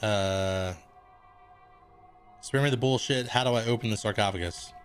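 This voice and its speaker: A man's voice: fairly low pitch, measured pace, soft background music. A man streaming a video game, chatting casually, thinking aloud and swearing freely. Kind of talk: casual gaming livestream commentary.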